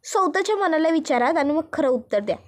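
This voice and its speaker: A woman's voice: sits high, expressive, fast. A woman voicing a chatty, sly young village woman who talks in rustic speech. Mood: teasing.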